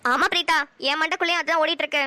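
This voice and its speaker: A woman voices a whole cartoon household, her voice very high and bright. She teases and scolds in quick bursts. The recording is dry and close. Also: steady tone, no echo. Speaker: voice artist for many family characters. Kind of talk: cartoon family comedy voicing.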